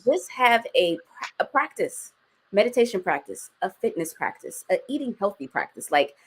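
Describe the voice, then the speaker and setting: A woman's voice: medium pitch, sing-song, normal speed, slightly rough. A woman in her forties, a guest talking casually and outspokenly, with slang and some swearing. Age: 40s. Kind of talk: casual interview chat.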